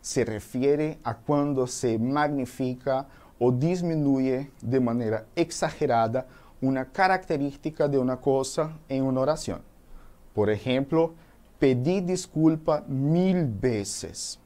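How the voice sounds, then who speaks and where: A man with a Brazilian Portuguese accent teaching a recorded language lesson, reading example sentences aloud and explaining them slowly and methodically. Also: mid-range voice, warm tone.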